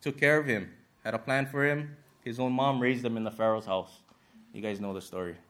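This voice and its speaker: A man's voice: medium pitch, steady tone, fairly quick, a bit bright. A man from Hawaii with a Hawaiian Pidgin-influenced accent, giving a church lesson in an earnest, slightly nervous way with many fillers. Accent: Hawaiian Pidgin-influenced English.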